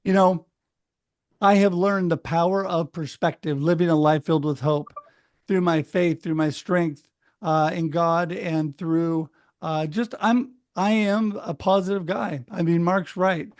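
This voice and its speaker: Chatting casually over a video call, a middle-aged man from Oregon in the United States shares his story with animated energy, acting out what other people said. His fairly high voice moves at a measured pace. The recording is dry and close, without any room echo.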